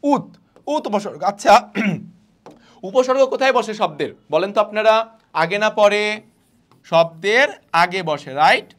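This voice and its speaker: A young man teaching an online grammar class. He asks the students questions, answers them himself and repeats the example words slowly. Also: high-pitched, lively intonation, fairly bright tone.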